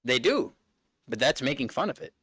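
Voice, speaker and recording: Man, podcast co-host, easygoing slang, lively pitch swings, dry close-mic sound. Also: normal speed, husky, no echo. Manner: animated, laid-back slang. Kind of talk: casual podcast chat.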